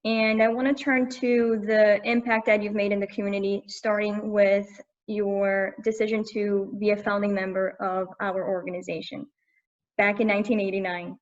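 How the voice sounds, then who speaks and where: A woman interviewer who asks prepared questions in a polite, measured way. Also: mid-range voice, level tone. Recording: dull, slightly muffled audio.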